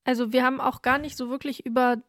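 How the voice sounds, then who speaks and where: A young Peruvian-born woman co-hosts a casual podcast, chatting and delivering prepared fact segments with self-deprecating humor. Her voice is high and a bit bright, flat and quick, recorded dry at studio quality.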